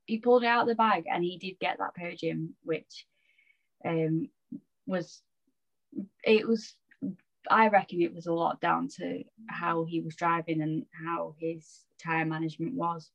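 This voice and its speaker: A woman chatting on a podcast in a somewhat low voice. Her manner is relaxed and agreeable, and she often hedges her points as she talks. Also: a little slow, highs cut off. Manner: easygoing, agreeable, uses fillers like "I reckon". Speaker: podcast co-host. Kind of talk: casual chat.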